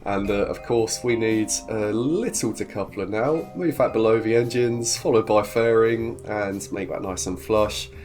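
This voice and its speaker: A man with a cold, sounding congested, hosts a video game series and chats cheerfully, rambling as he builds and narrates. His voice sits on the low side and is a little mellow, moving at a measured pace with hardly any pauses. Soft music plays in the background of this casual gameplay commentary.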